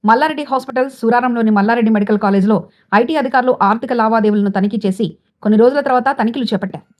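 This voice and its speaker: A woman news anchor reading a scripted bulletin in an even newsreader delivery. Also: a little high.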